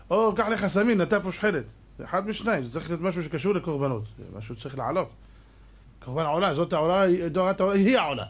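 A man, a rabbi, giving a lively religious lecture, firing rhetorical questions at his listeners and acting out little scenes with sound effects and mock voices. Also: high-pitched, breathy edge. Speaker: rabbi giving a Torah class.

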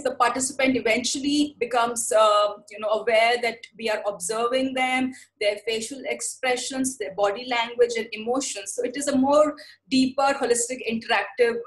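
Woman webinar presenter, Indian English accent, brisk delivery with fillers, a touch high-pitched, video call. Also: low-quality recording. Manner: fast-paced explanatory talk with many fillers. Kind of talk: online lecture.

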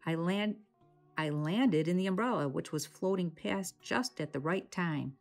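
A woman reading a storybook aloud, voicing a small, timid yellow kitten who is sweet and grateful. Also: lowish voice, unhurried, faint music behind.

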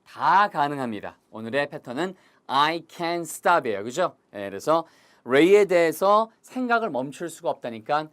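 A language teacher giving a recorded video lesson in a lively way, often checking that viewers are following. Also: mid-range voice, a little slow. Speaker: English teacher.

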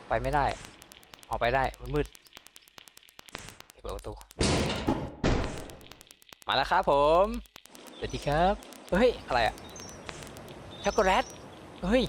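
A man giving casual let's-play commentary, excitable, firing off rapid repeated words when he panics and cursing at himself. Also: medium pitch, background noise. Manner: swears and scolds himself. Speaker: gaming YouTuber.

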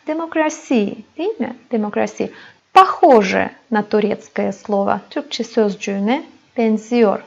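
A woman teaching a language lesson, repeating words slowly and addressing her students as friends. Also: on the high side, vocal fry, a little mellow. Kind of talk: slow classroom explanation. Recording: dull lo-fi recording.

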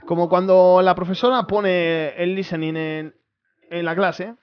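This young streamer's high, clear, resonant voice stays fairly even as he takes his time commenting on a horror game. He's nervous, chatting to viewers and repeating himself when frightened, though the recording sounds muffled.

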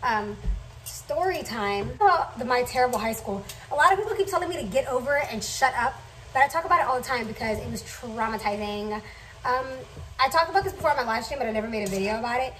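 A young vlogger of Somali family background cooks in her home kitchen and chats in a fairly high, fairly bright voice that's fast with lively intonation, rambling and full of fillers. The noisy sound comes from a distant camera on the counter.

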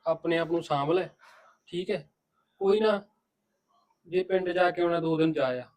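A man's voice: fairly high pitch, normal speed, darkish tone, lightly acted. A man playing a protective old father-in-law. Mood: reassuring. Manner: reassuring, scolding his son. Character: protective older father-in-law, stern but kind. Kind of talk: village family drama acting.

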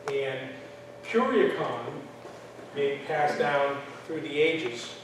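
A man's voice: medium pitch, animated, slow pace. A man teaching a church class in a conversational lecture style, with frequent fillers and restarts. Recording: echoey room from far off, faint noise.

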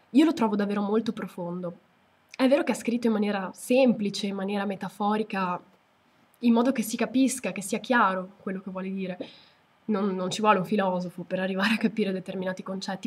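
A woman's voice: medium pitch, a little mellow, breathy edge. A woman commenting thoughtfully on a book she has just read aloud, with small hesitations. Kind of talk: reflective commentary after reading aloud.

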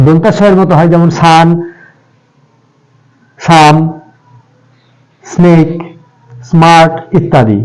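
A man with a slightly high voice walks children through letter sounds. He speaks patiently and spells out each example word letter by letter, then repeats it. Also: warm tone, low-quality recording. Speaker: English pronunciation teacher. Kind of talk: step-by-step spoken lesson for children.

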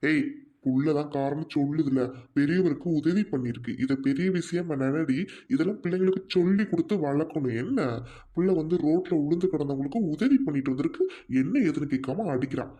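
A woman plays a soothing cartoon father from Tamil Nadu. He has a low, dark voice and an easygoing, calming manner. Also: a little fast, natural voice. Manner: soothing, dismissive. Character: calm easygoing middle-aged father.

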